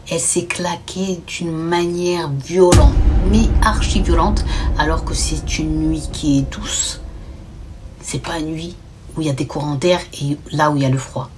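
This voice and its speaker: A young woman narrating a horror storytime in a casual, animated way. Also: on the low side, a little hiss or hum. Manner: animated, drops to whispers at tense moments.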